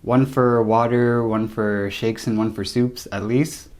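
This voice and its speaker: A young man talking casually to camera in a low-key, conversational way, sharing tips as a vlogger. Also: fairly even intonation, unhurried, a little mellow. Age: young adult. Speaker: vlogger giving recovery tips. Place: small room indoors, seated at a table.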